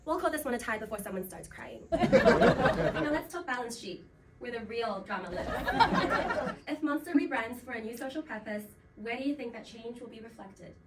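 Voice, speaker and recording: In this student role play, the female game show host delivers scripted, teasing, playful banter at normal speed, her high-leaning voice full of lively intonation. The audio is very noisy and echoey, picked up from a distant mic with music behind.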